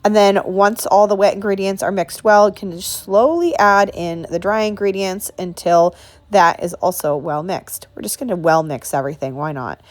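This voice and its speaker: A cooking channel host in her thirties talks casually through a recipe in a home cooking video, her medium-pitched voice congested from a sinus infection. She speaks at a moderate pace, chatty and full of asides and frequent "like."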